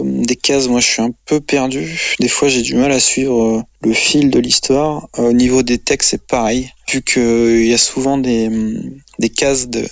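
Male radio columnist, gravelly, halting casual review delivery. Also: mid-range voice, no echo. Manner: hesitant, many fillers.

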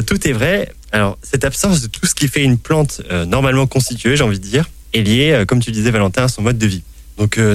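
A man's voice: medium pitch, no room sound. Man hosting a science quiz. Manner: explanatory, playful quizmaster. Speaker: science podcast host.

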